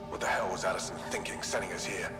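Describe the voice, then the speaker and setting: Gloomy male colonist played by an actor, low-pitched, echoing game log over music. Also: steady tone, fast talker, natural voice. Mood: grim. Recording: game audio log with room echo and music.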